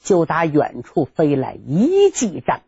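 A woman performing a traditional story with a lively, dramatic delivery. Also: deep voice, takes it slowly, husky. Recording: dull lo-fi recording.

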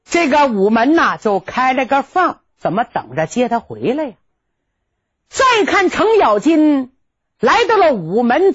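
A woman performing a traditional story with a lively, dramatic delivery. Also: fairly high pitch, breathy edge. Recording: dull lo-fi recording.

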